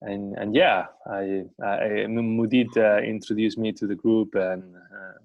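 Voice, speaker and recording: Man from Spain, native Spanish, slow and halting, lowish voice. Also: flat delivery, lo-fi sound. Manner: hesitant, laughing, halting. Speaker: meeting guest.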